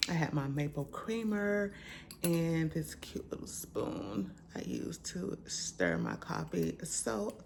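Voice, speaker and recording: A woman with a deep-set, still-groggy morning voice talks her viewers through her day at home. Her delivery is relaxed, chatty and full of slang, with a faint hiss of noise under the recording. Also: takes it slowly, gravelly. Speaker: vlogger host. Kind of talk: casual chatty vlog. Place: at home, indoors.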